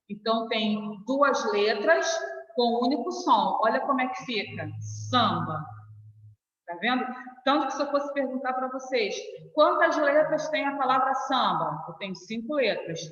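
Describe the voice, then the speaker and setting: A woman's voice: fairly high pitch, normal speed, fairly bright tone. A woman teacher with a Brazilian Portuguese accent giving a recorded online lesson, patiently stretching out example words and often checking that students follow. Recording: echoey room, voice from far off, dull lo-fi sound.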